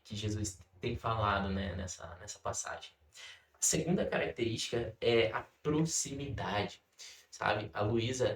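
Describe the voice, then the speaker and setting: A young Brazilian man giving a casual devotional talk from his home office, chatty and full of fillers. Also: medium pitch. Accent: Brazilian Portuguese. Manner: conversational, many fillers, acts out his daughter's words. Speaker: devotional speaker. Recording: roomy echo, distant mic.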